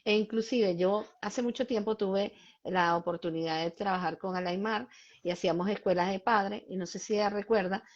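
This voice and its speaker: A woman speaking at an ordinary middle pitch, hosting a live stream as a child behavior specialist. She explains emphatically and keeps turning to concrete examples for parents. The stream audio sounds slightly dull and lo-fi. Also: moderate pace.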